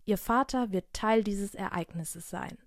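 A woman reading aloud as a self-assured male railway entrepreneur who gives firm orders and calm reassurance. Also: mid-range voice, unhurried, no room sound, clean studio sound, close to an everyday voice. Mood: reassuring. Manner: commanding, reassuring.

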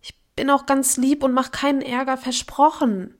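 A woman's voice: sits high, level tone, normal speed, pitched above the performer's own voice. A woman voicing a young schoolgirl who pleads tearfully and in a whisper with her father in an audiobook. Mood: pleading.

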